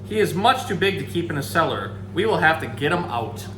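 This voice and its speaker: A man's voice: on the high side, expressive, fairly quick, natural voice. A man voicing a startled, take-charge policeman from a storybook, exclaiming and giving orders. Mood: brisk, commanding. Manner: exclamatory, commanding. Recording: echoey room, background hum.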